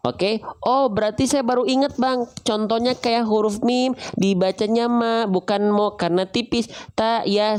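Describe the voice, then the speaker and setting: A woman's voice: lowish voice, darkish tone. Woman teaching letter sounds patiently. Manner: asks herself questions, then answers them; slow, drawn-out sound demonstrations. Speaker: Quran reading teacher. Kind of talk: tajwid lesson to viewers.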